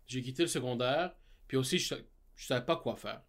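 A young man with a Québécois French accent answers questions in a casual interview. His voice has a bright, forceful edge, and he often halts and restarts as he searches for his words. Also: mid-range voice. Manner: hesitant, halting answers. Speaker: guest, food content creator.

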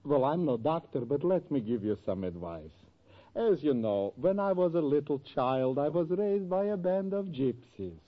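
An actor playing a flamboyant, wisecracking European professor, effusive and teasing, in a 1940s radio sitcom. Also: male voice, a little high, sing-song, normal speed. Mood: affectionately teasing. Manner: theatrical, effusive. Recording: dull 1940s radio recording.

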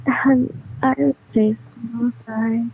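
A woman's voice: fairly high pitch, flat delivery, slow, gravelly, breathy edge. Faint young woman, phone held away. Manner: hesitant, mumbling answers. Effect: faint, distant voice as if the phone is held away. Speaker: prank call target. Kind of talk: phone conversation. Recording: tinny muffled phone line.

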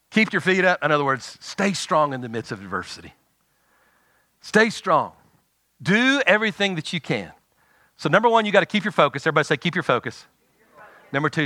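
A middle-aged pastor, preaching a sermon and urging the congregation to answer back. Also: male voice, on the high side, sharp tone, dry recording. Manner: exhorting, call-and-response.

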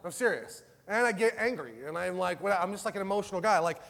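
A man with a high voice preaches in a casual, talk-it-through way. He swings from loud, passionate bursts to hushed, tender passages. His words ring out with a long reverb, as in a large hall. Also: quick pace, vocal fry. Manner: passionate, conversational preaching with a wide swing between loud and soft. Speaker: pastor. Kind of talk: sermon.

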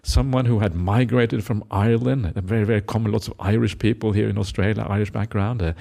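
A middle-aged monk from Norway gives a Dhamma talk in a low voice with a gravelly edge. His delivery is reflective and unhurried. He keeps checking in with listeners through a soft "eh?". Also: fairly even intonation. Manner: reflective, tags lines with a questioning "eh?"; gentle laughter, hesitant fillers. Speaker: Buddhist monk teacher.

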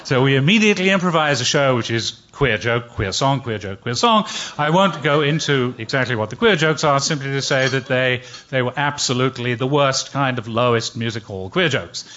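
A man's voice: medium pitch, lively intonation, a little fast, hardly any pauses, a bit bright, lo-fi sound, a little hiss or hum. An older man telling a comic story live, with a dry, wry delivery and playful put-on voices. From Britain.

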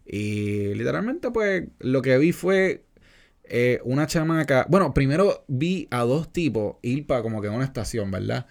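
A man's voice: medium pitch, animated, measured pace, vocal fry. A young man, casually telling a story on a podcast in a slangy, rambling way full of fillers. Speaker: podcast co-host.

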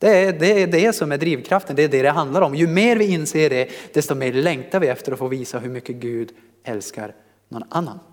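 A male preacher talks through a scripture passage in a relaxed, joking manner, addressing people in the room directly. His voice sits slightly high for a man. A long reverb trails off his words in the church hall. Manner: lively, conversational, jokes with congregation. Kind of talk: sermon.

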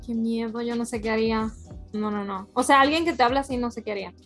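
A woman's voice: a little high, fast, fairly bright tone, soft background music. A woman in casual chat, reacting to a story and then telling her own.

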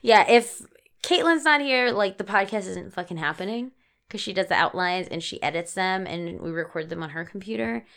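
A woman's voice: medium pitch, lively intonation, moderate pace, a bit bright. A woman podcast co-host chatting casually and informally, with some offhand swearing. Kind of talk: casual chat.

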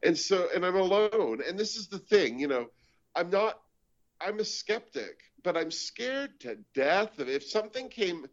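Canadian comedian host, lively storyteller, lo-fi. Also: male voice, sits high, measured pace. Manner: animated storytelling, acts out quoted voices. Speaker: comedian and show host, guest. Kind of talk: casual chat, storytelling. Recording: dull lo-fi audio.

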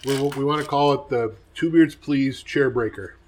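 A man's voice: mid-range voice, moderate pace, a little hiss or hum. A man co-hosting a podcast, chatting casually while eating. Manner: relaxed, chatty, laughs easily. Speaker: podcast co-host. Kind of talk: casual chat over food.

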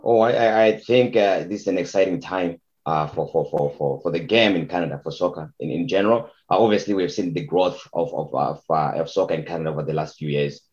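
A man from Zimbabwe coaching youth soccer, talking through interview answers with a very low voice. He stumbles and repeats words, with lots of fillers. The sound is dull and lo-fi. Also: a little fast, hardly any pauses, darkish tone.

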